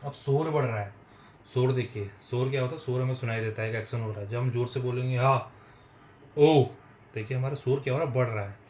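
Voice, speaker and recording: A man teaching a spoken English lesson, explaining patiently and repeating phrases slowly for his viewers. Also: mid-range voice, darkish tone, reverberant, a little hiss or hum. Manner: slow, repetitive explaining, addresses viewers as friends.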